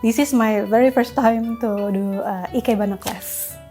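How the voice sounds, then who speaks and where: A woman's voice: fairly high pitch, steady tone, normal speed, dark tone, soft background music. A woman from Indonesia, a guest politely introducing herself. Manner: polite, hopeful. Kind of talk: self-introduction.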